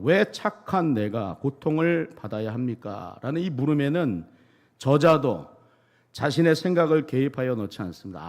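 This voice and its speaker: A man's voice: mid-range voice, darkish tone. A male pastor preaching a sermon and retelling a story in a dramatic, storytelling way.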